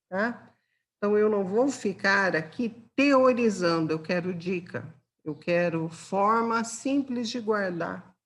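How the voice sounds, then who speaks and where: Brazilian woman, grammar teacher, unhurried delivery, patient, checks in often. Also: lowish voice. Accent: Brazilian Portuguese. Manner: patient, explains with examples and checks in with "tá?". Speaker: Portuguese teacher. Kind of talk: exam-prep grammar lesson.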